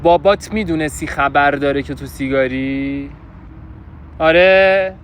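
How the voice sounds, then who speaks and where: A man's voice: fairly high pitch, a little hiss or hum. A young man doing a hidden-camera street prank outdoors in a park, with a brash, pushy, mock-scolding way of talking. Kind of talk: street prank, teasing banter. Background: background music.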